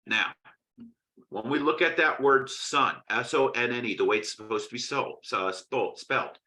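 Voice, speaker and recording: A man's voice: mid-range voice, moderate pace, sharp tone, rough recording. A man teaching a poetry lesson in a conversational way, often checking in with "right?" and restarting his phrases. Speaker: literature teacher. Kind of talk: recorded poetry lecture.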